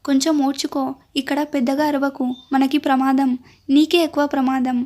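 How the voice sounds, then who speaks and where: A woman's voice: high voice, level tone, moderate pace, darkish tone, lightly acted. A woman narrating a teasing young man. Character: playful teasing young man protecting a queen. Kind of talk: storytelling narration.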